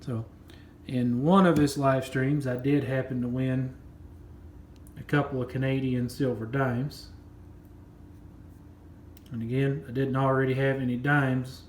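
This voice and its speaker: A man's voice: medium pitch, level tone, a little slow, long pauses, reverberant, slight background noise. A man chatting casually while opening a package, rambling and repeating himself as he goes. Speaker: coin collecting vlogger. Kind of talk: casual unboxing chat.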